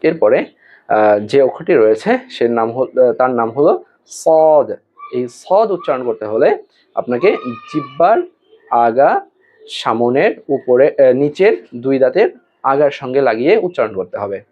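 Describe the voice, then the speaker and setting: A male Quran teacher giving an online lesson, explaining how to pronounce Arabic letters slowly, with pauses and fillers, and drawing out the letters as examples. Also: mid-range voice, big pitch swings. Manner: slow and deliberate, with hesitation fillers, drawn-out model pronunciations. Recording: tinny phone-like audio.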